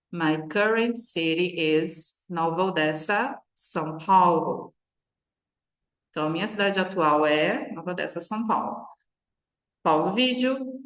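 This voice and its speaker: A Brazilian woman teaching English pronunciation in an online lesson, stretching model phrases out slowly, then explaining quickly and checking in with "tá?". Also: medium pitch, fairly bright tone, echoey room. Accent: Brazilian Portuguese. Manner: slow, drawn-out model phrases followed by quick explanations, frequent "tá?".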